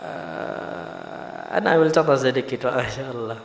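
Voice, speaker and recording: A man preaching a sermon in a mosque, talking animatedly and swinging between hushed asides and loud exclamations. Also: mid-range voice, animated, measured pace, gravelly, slight background noise. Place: mosque hall. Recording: echoey mosque hall.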